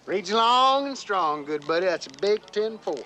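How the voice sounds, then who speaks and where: Easygoing country mechanic, CB radio transmission, trucker slang, drawn-out calls, distant. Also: male voice, sits high, lively intonation, sharp tone, faint music behind. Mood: breezy. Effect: heard over CB radio.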